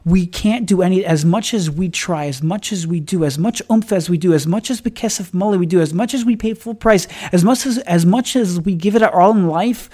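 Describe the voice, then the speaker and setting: A man with a high, dark-toned voice hosts a podcast, delivering a brisk motivational religious talk with few pauses. His phrasing is emphatic and repetitive, building through stacked lines.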